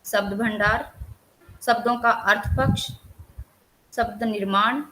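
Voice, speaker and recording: A woman's voice: fairly high pitch, steady tone. A woman teacher reviews her course chapter by chapter in an online class, reading out topic after topic with little rise or fall in her voice. A faint hiss of background noise sits under her computer mic. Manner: lists topics steadily with few pauses. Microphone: computer mic on a video call.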